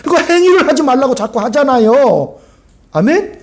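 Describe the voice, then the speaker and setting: A man with a very high voice preaches a Sunday sermon at a moderate pace. He's animated and conversational, often calling on the congregation for amens.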